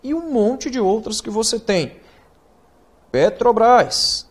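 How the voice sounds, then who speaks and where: In a recorded online writing lesson, a Brazilian man with a Brazilian Portuguese accent speaks directly to the student, posing rhetorical questions and slowly spelling acronyms out letter by letter. His voice is high, expressive, and somewhat dark in tone.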